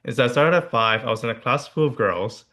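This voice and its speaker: A man's voice: medium pitch, expressive, a little fast, bright, forceful tone. A young man in his twenties from Hawaii, co-hosting a podcast in a candid, joking way and often repeating his points. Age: 20s. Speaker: podcast co-host. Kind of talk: casual podcast chat.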